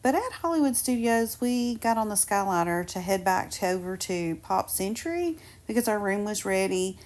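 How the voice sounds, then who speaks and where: A woman with a medium-pitched voice narrates a travel vlog. She talks casually, in a chatty and upbeat manner, as if recapping a trip for friends. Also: lively intonation, moderate pace, darkish tone. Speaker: travel vlogger.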